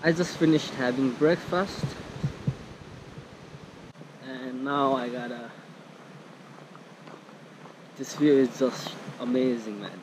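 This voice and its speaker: Holding an action camera at arm's length, a young man from Nepal vlogs casually outdoors in a mountain valley and in a small shop. He speaks slowly in a mid-range voice, pausing often and using lots of fillers and restarts, while loud background noise fills the outdoor camera mic.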